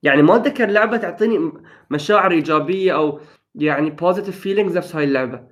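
A man's voice: a little high, racing. A young man in casual gaming chat, upbeat and enthusiastic, slipping English phrases into his talk. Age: young adult.

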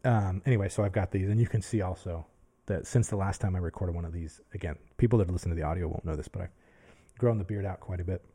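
A man in his thirties talks to his camera in a rambling, self-searching way, often restarting his thoughts. His voice is fairly low and mellow. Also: fast talker, slightly rough. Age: 30s. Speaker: podcast host. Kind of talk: casual reflective monologue to camera. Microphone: talking to a camera.

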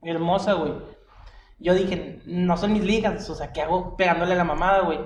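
A man's voice: sits high, fairly even intonation, brisk, distant mic, a little hiss or hum. A young man from northern Mexico with a northern Mexican accent, co-hosting a podcast in casual crude chat, telling stories with lots of slang. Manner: crude, laughing storyteller, heavy slang. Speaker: podcast co-host. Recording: echoey room, off-mic.

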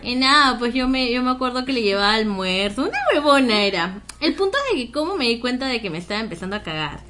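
Bright-voiced woman telling a story. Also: a little high, very animated, fast, a little hiss or hum. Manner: candid, self-mocking, laughs often. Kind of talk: casual chat, telling a personal story.

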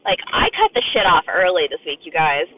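A sick woman with a hoarse, raspy, strained voice chats casually and candidly as a podcast host in a car. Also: fairly low pitch, huge pitch swings, a little fast. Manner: candid, colloquial, mildly sweary. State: hoarse and sick, voice nearly gone. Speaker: podcast host and fitness coach. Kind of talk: casual solo podcast chat. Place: inside a car on a dirt road. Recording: thin phone-like sound with road noise. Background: faint car and road noise.

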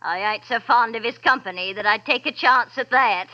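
A woman's voice: fairly high pitch, normal speed, sharp tone, highs cut off. An actress playing a coarse, greedy old charwoman who talks in a brash, mocking way in an old radio drama. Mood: gloating.

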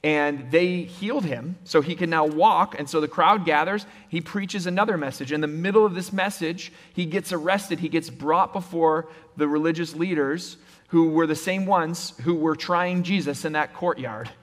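Male pastor, conversational sermon, slightly high voice, long hall reverb. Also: normal speed. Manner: conversational, animated retelling with acted-out quotes. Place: church sanctuary.

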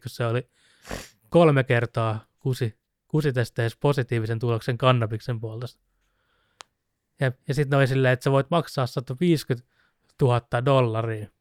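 A man's voice: mid-range voice, clean tone, dry recording, clean studio sound. Chatty man telling a story. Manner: animated storyteller, mimics shouting with laughs. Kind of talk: casual chat about fighting sports.

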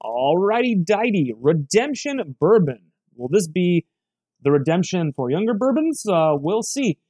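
A man's voice: high voice, sing-song, normal speed, darkish tone. A man giving a casual, rambling spoken review, chatty and full of restarts. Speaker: bourbon reviewer.

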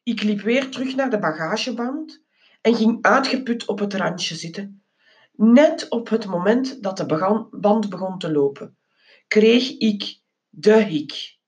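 A woman reading a children's book aloud, expressive and with small slips and restarts. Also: mid-range voice, unhurried. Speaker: reader.

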